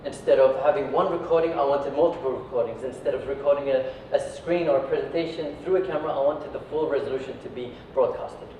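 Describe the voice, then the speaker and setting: Speaking fast with few pauses, this man from Iraq has a warm, medium-pitched voice and delivers an informal motivational talk to a live audience, often tacking on "right" or "yeah." He's a company founder, captured on a distant mic in a very echoey indoor room. The sound is dull, with a little background noise.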